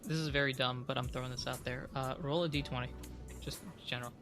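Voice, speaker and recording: A man running a tabletop game as game master, narrating in a relaxed, loose way with frequent fillers. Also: medium pitch, quick pace, over music. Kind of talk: casual actual-play narration.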